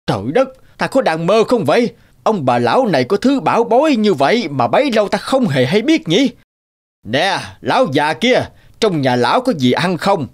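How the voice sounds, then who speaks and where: A man voicing a greedy, cruel old landlord in a cartoon, blustering and shouting. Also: high-pitched, very animated, normal speed. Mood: scheming. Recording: cartoon with music behind.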